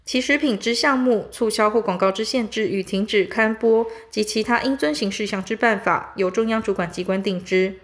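Woman, medium pitch, formal legal recitation, methodical, measured, scripted reading. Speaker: reader of legal text. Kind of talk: formal read-aloud of statute articles.

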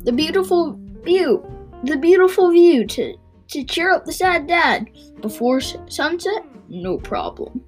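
A shrill, overexcited storybook coach driver, as a storyteller puts him on, sputtering and shouting in a voice pushed well above the teller's own. He rushes his words with a broad, grinning eagerness. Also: huge pitch swings, soft background music, heavily acted. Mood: excited. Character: excitable grinning mail coach driver, male.

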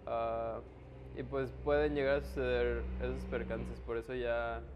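A man speaks casual Mexican Spanish at a middling pitch. He explains things colloquially, with plenty of street slang, as in a relaxed conversation. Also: a little slow, muffled recording, background noise. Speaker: interview guest, local trail biker.

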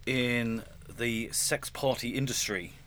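A man's voice: medium pitch, fairly even intonation, slow pace, fairly bright tone. A man hosting a casual comic chat, with a blokey, teasing manner. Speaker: podcast host.

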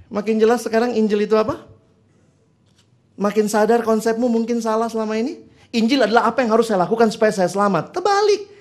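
A man preaching a sermon, teaching from the Bible, asking his listeners questions and dropping in English phrases, moving between loud emphasis and quiet asides. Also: sits high.

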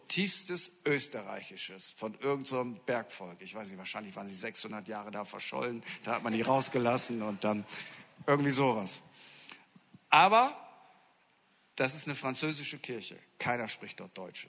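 Bright-voiced pastor preaching in an echoing hall. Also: male voice, mid-range voice. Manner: lively storytelling with acted-out quotes and humor; switches between hushed asides and sudden loud exclamations. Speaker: senior pastor. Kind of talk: sermon. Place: church hall. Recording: long reverb of a large hall.

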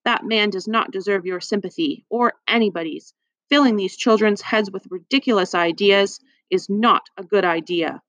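A woman's voice: medium pitch, normal speed, fairly bright tone, no echo, lightly acted. A woman playing a cold, sneering matron. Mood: scornful. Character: cruel, spiteful woman hospital matron. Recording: dry, slightly muffled.

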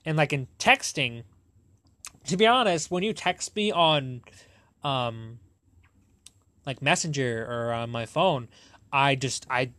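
Hosting a laid-back podcast, this young man meanders, corrects himself, and laughs a lot. His medium-pitched, fairly bright voice is expressive, and he takes it slowly with frequent pauses.

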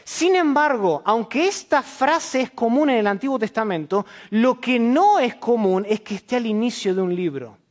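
A man's voice: very high voice, animated, moderate pace, few pauses. A man, a church elder, preaching an expository sermon to a congregation, asking questions and answering them himself. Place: church service.

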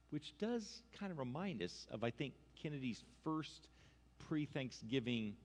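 A male pastor delivers a light, conversational sermon, teasing his congregation and getting them to join in. His voice sits a little high and swings widely up and down. The sound rings with the long reverb of a church sanctuary. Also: a bit bright. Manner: playful, audience-engaging, asks congregation to repeat.

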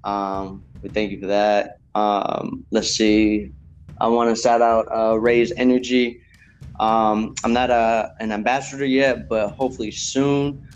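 A man co-hosting a casual podcast, talking in an easygoing, drawn-out way with many fillers. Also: lowish voice, little pitch movement, highs cut off, slight background noise. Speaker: podcast co-host.

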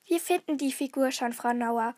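A woman's voice: sits high, moderate pace, darkish tone, no echo, clean studio sound, lightly acted. A woman voicing a keen young boy detective in a storybook, thinking aloud.

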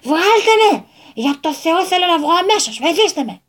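A woman voicing a furious old man trapped inside a jar, shouting desperately in a radio story. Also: very high-pitched, very animated, pitched above the performer's own voice, full character voice.

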